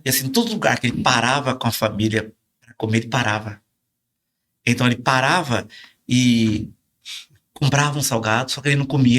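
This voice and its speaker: Brazilian pastor guy sharing his testimony, gets emotional, acts out the dialogue loud. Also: medium pitch. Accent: Brazilian Portuguese. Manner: emotional storytelling, acts out quoted dialogue in a raised voice. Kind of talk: testimony in podcast conversation.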